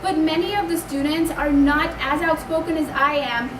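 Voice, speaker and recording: In an echoey community hall, recorded by a distant mic amid background noise, a Pakistani woman in her 20s shares a personal testimony as an invited community event speaker. Her high voice keeps fairly even intonation at a moderate pace, and she speaks loudly in an earnest, conversational way.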